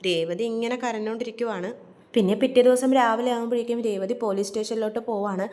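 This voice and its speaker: A woman's voice: a little high, fairly even intonation, mellow. A woman chattily retelling a TV serial episode as a storyteller. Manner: rapid, chatty plot retelling.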